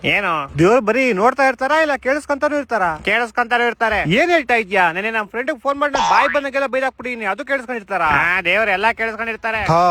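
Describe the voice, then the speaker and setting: A man doing a high, rapid cartoon jokester. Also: bright, forceful tone, a little hiss or hum. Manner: quick, bantering comic delivery. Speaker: cartoon dubbing voice. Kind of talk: Kannada cartoon comedy dubbing.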